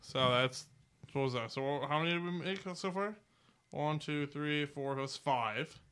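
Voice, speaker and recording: A man's voice: fairly high pitch, measured pace, fairly bright tone, smooth. A man acting as game master in a tabletop game, tallying dice rolls in a casual, laid-back way.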